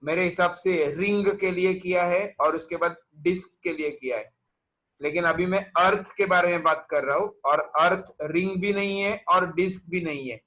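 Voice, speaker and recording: A man's voice: high-pitched, normal speed, sharp tone, rough recording. A man teaching a physics class online, quizzing his students and mixing English terms into Hindi.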